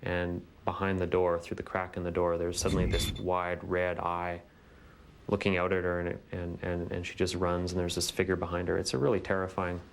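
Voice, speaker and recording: A man with a very deep voice that stays flat and monotone as he describes a film scene. The recording carries clear background noise. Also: normal speed. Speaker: interviewee. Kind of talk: interview commentary on films.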